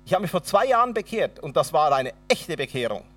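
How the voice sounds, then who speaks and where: A man's voice: a little high, sing-song, fairly quick, bright, forceful tone, recorded from a distance, faint music behind. A man with a Swabian accent preaching a sermon and telling his own testimony, acting out the dialogue dramatically. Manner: dramatic storyteller, acts out dialogue.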